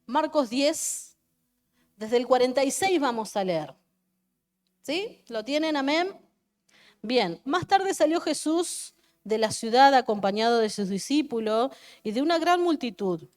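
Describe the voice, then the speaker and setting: A woman's voice: sits high, expressive, unhurried, darkish tone. A woman pastor with an Argentine accent preaching a fervent sermon at a church service, repeating her phrases and asking the congregation questions. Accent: Argentine Spanish.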